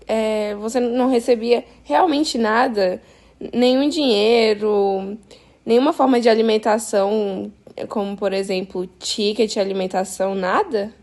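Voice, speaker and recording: A woman's voice: on the high side, steady tone, a little slow, a little mellow. A woman student asking a careful, somewhat hesitant question. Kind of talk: recorded question.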